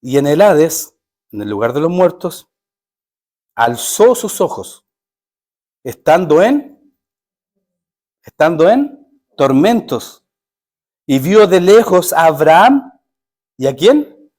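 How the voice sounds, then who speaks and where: A male pastor preaching a sermon with a high-pitched voice. He talks emphatically and keeps asking his listeners rhetorical questions. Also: sing-song, slow pace, pauses often, a little mellow.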